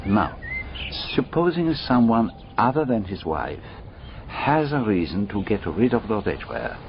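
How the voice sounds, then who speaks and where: In a radio drama, a male actor with a lowish voice plays a shrewd, methodical foreign detective, deliberate and courteous, musing aloud through rhetorical questions. The recording is dull, with a clearly noisy background.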